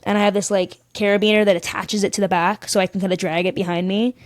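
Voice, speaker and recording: A woman guest on a podcast, telling stories in a sassy, animated way and acting out the other people in them. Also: medium pitch, fast, no echo, studio quality. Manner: animated, sassy, acts out voices in her stories. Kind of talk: casual storytelling chat.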